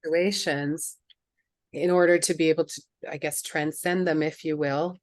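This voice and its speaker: A woman host with a somewhat low voice, talking in an easygoing interview style. She hesitates a lot and gropes for words, filling gaps with little fillers. The recording is dry and close. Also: fairly even intonation, normal speed, darkish tone, no room sound. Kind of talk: casual interview chat.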